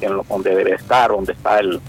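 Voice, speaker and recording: A man with a Honduran accent calling in to a radio show, halting and often repeating words as he searches for them. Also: deep voice, level tone, slightly rough, low-quality recording. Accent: Honduran Spanish. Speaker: radio caller. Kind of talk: call-in opinion.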